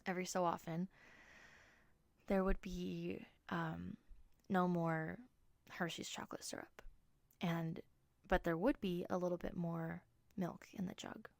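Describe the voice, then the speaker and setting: Young woman host, gravelly and low-pitched, gentle storytelling that sinks to a whisper, dry close recording. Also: dry recording. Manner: soft, reflective, often drops to a whisper. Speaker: podcast host. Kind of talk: personal storytelling monologue.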